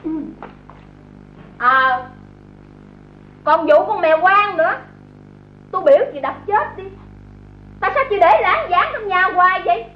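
An actress playing a harsh, domineering young woman of the house who scolds a servant in a bossy, shrill way, in an old radio drama. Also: heavily acted. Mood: contemptuous. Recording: echoey, dull old radio recording.

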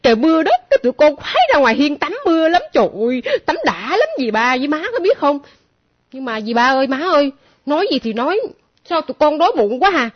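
A chatty older sister who wheedles and jokes, played by a woman. She has a high, animated voice, and the sound is muffled and lo-fi. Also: quick pace. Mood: wheedling. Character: cheerful older sister, jokey. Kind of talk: comic stage play acting. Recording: muffled lo-fi recording.

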